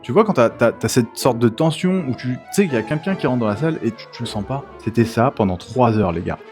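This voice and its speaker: A young man, a tattoo artist, telling wild shop stories in a lively, slangy vlog, leaping up in pitch for emphasis. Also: quick pace, over music. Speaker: tattoo artist and channel host. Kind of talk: animated storytelling vlog.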